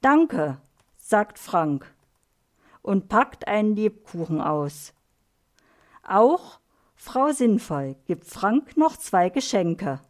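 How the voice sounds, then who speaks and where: A woman reading a children's story aloud in a clear, expressive storytelling manner. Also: medium pitch, drawn-out words, long pauses.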